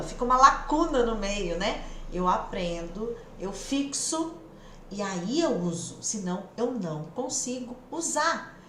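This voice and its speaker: A Brazilian woman teaching a live English lesson, drilling phrases over and over in a lively, repetitive way. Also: on the high side, roomy sound, a little hiss or hum. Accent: Brazilian Portuguese.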